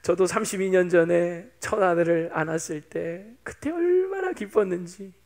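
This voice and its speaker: Pastor in his fifties, man, high voice with gravel, playful and chatty sermon delivery. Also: expressive, moderate pace, a little mellow. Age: 50s. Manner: chatty, playful, teasing the congregation.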